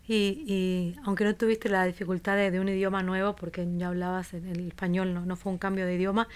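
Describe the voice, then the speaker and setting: A woman's voice: medium pitch, flat delivery, a little fast, clean tone. A woman hosting an interview podcast, guiding her guest through his story in a friendly, conversational way. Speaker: podcast host.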